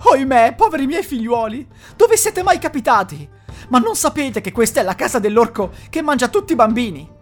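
The ogre's kindly, frightened old wife, as a narrator puts her on. She pleads in a high, anxious voice that climbs and falls. Faint music sits under the storybook reading. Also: big pitch swings, brisk, few pauses, fairly bright tone, full character voice. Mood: alarmed. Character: kind, fearful wife of the ogre, older woman.

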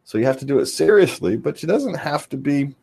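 A man's voice: a little high, big pitch swings, brisk, gravelly, darkish tone, slightly rough. Laughing man hosting a live stream. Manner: laughs often, joking then reflective. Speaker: livestream co-host. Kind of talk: casual live-stream chat. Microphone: on camera, controls the board.

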